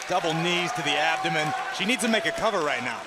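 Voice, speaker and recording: A man's voice: fairly high pitch, lively intonation, fast. A man working as a wrestling commentator, emphatic and ready to argue his view. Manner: argumentative, emphatic. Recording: loud crowd and arena noise. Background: roaring arena crowd.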